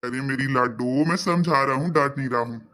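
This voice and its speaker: A woman voicing a calm older father who patiently talks his spoiled daughter down, in a comedy skit. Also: a bass voice, brisk, pitched below the performer's own voice. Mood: soothing. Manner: patient, placating.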